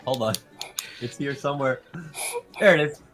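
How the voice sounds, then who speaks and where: A man's voice: mid-range voice, normal speed, a bit bright, lightly acted. A man voicing a polite, modest elven guard captain who stumbles over his words. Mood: courteous. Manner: flustered, stumbling, courteous.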